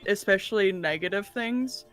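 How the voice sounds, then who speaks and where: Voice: mid-range voice, normal speed, fairly bright tone, soft background music. A player in a tabletop game, teasing the others and recapping the last session in a rambling way with many fillers. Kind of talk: casual chat and session recap.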